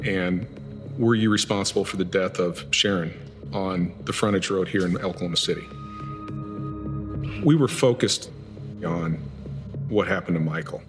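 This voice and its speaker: A man's voice: sits low, moderate pace, pauses often. A man, an FBI agent, bluntly retelling an interrogation in an interview, acting out the dialogue. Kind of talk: interview recollection. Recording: long reverb with music behind.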